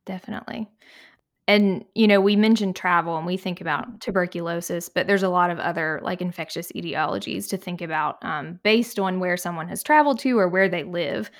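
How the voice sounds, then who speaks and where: A woman presenting a patient case in a relaxed, measured way, listing findings. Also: on the low side. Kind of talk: medical case discussion.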